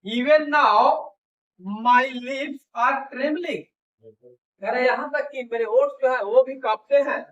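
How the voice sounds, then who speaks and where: A man teaching an English lesson, reading English lines slowly and loudly, then explaining them in casual Hindi. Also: extremely high pitch, distant mic, lo-fi sound.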